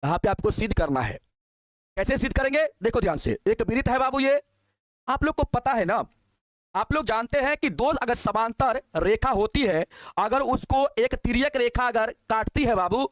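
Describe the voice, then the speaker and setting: High-voiced coaxing maths teacher. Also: male voice, lively intonation, no echo. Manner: coaxing, calls students "babu", asks quick questions. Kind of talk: online exam-prep lesson.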